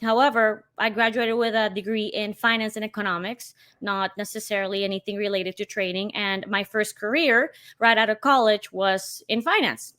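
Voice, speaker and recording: A woman's voice: medium pitch, fairly bright tone. Chatty woman guest from Colombia. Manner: chatty and emphatic, with frequent "you know". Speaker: podcast guest. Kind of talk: casual interview chat.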